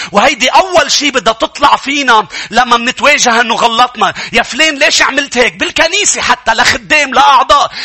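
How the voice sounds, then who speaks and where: A man's voice: extremely high pitch, bright, forceful tone, husky. A Lebanese man preaching a sermon as pastor, emphatic, repeating his phrases and addressing the congregation directly.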